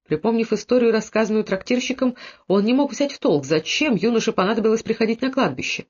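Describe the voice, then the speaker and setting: High-voiced man reading a story aloud. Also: fast talker, breathy edge, muffled recording. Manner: steady storytelling, lowers voice for characters' quoted lines. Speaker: audiobook narrator. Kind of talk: scripted narration.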